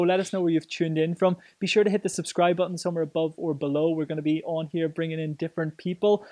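A man's voice: high-pitched, no room sound. A man hosting a casual podcast, telling funny stories with lots of laughter. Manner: animated storyteller, laughs often. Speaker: host.

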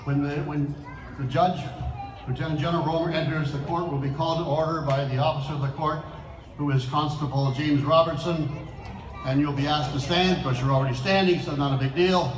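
A man's voice: fairly high pitch, fairly even intonation, brisk. Older man on an echoey outdoor PA. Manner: jokey, off-the-cuff. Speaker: ceremony clerk of the court. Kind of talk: informal ceremonial address to a crowd. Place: outdoor town square, over speakers. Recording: echoey, noisy outdoor public address.

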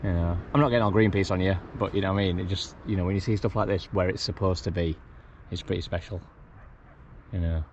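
A vlogger with a low, steady voice talks quickly and chattily to camera, rambling and saying "you know" a lot. He's outdoors, first in a kayak at sea and then on a beach. His action camera captures dull lo-fi audio with clear wind and water noise.

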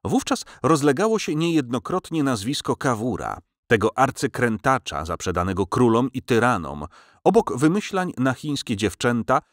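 A man reading a novel aloud as an audiobook narrator, with measured, expressive storytelling on a close studio mic. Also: mid-range voice, dry recording. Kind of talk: scripted literary narration. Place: recording studio.

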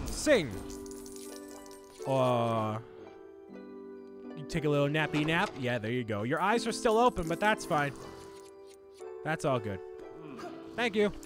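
A man chatting casually on a live stream as he plays a video game, reading chat aloud and bantering with the characters on screen. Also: fairly high pitch. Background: game music.

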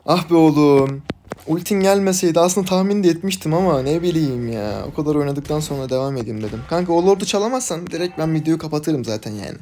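A man giving live commentary on a mobile game, recorded on a phone, scolding his teammates and swinging between low muttering and loud yelling. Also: lively intonation, fast, a little hiss or hum. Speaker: gaming channel host.

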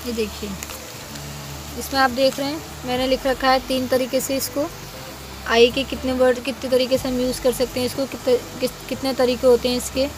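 A woman's voice: high-pitched, flat delivery, moderate pace, noisy background. A young woman teaching a phonics lesson to small children, spelling words out letter by letter and calling the pupils "beta".

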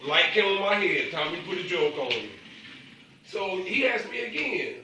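A man tells a comic story in a high, bright, cutting voice, bursting into loud lines as he acts out each voice. The sound is distant and very echoey, with a faint hiss behind it. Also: sing-song, normal speed. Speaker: comedy vlogger telling a story. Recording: echoey room, mic at a distance, faint noise.

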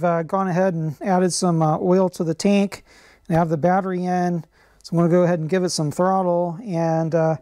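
The channel host is a middle-aged man with a high-pitched voice, recorded on a lapel mic as he presents a repair tutorial from his workshop garage. He talks easily and explains as he goes, dropping lots of "uh"s and "um"s.

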